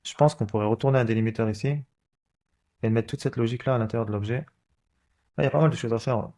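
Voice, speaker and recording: Quick and warm, a mid-range male voice belongs to a coding channel host doing an informal screen-recorded walkthrough. He thinks aloud through the code, full of fillers and restarts.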